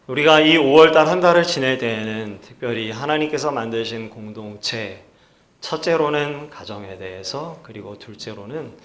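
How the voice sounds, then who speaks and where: A male pastor preaching a sermon in a measured, earnest way, putting rhetorical questions to the congregation. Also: on the low side, a bit bright. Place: church sanctuary. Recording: echoey church hall.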